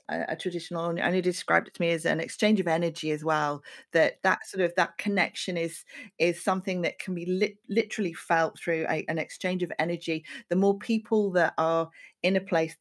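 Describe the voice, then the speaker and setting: A woman with a slightly low voice hosts a conversational podcast. She builds her thoughts hesitantly, repeating words as she circles toward the point. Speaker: podcast interviewer, landscape architect.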